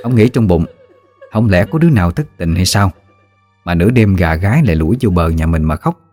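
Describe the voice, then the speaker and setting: A man with a Southern Vietnamese accent narrating a ghost story in a lively, folksy storytelling manner. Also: low-pitched, fairly quick, faint music behind.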